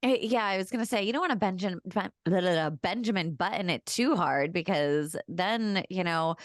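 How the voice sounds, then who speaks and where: A woman in her forties co-hosting a podcast, upbeat and encouraging, quick to giggle. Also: on the low side, no echo, clean studio sound. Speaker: podcast co-host. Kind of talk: casual chat.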